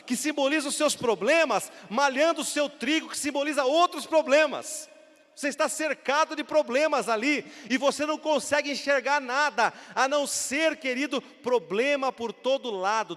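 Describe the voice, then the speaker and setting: Middle-aged Brazilian pastor preaching conversationally, raised pitch, long church reverb. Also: male voice, fairly bright tone. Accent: Brazilian Portuguese. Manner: conversational preaching, frequent tag questions to listeners. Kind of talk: sermon.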